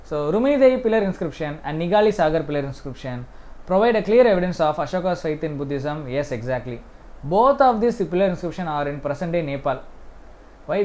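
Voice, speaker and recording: This teacher's voice is medium in pitch and a bit dark, carrying an Indian accent as he preps students for history exams. Working methodically through questions, he repeats himself and punctuates points with a quick "yes."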